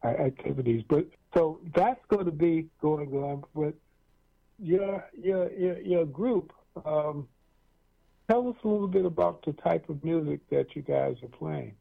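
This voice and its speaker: A man with a somewhat high, creaky voice hosts a radio talk show at a measured pace. The casual interview chat meanders, with plenty of fillers, restarts and frequent chuckles. It sounds like tinny, lo-fi radio.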